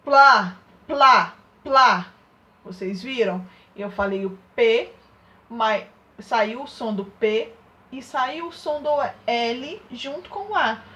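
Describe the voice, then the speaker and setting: A woman teacher speaks to young children in a slow, unhurried sing-song, coaxing them along with constant little check-in questions. Her voice sits on the higher side, patient and carefully paced, as if walking a class through a lesson step by step. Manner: sing-song, coaxing questions, exaggerated loud demonstration of sounds. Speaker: primary school teacher.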